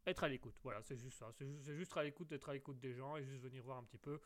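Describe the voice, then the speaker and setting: A man's voice: medium pitch, quick pace. A man with a slight English accent hosting a live call-in radio show, playful, rambling and theatrical. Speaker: radio host.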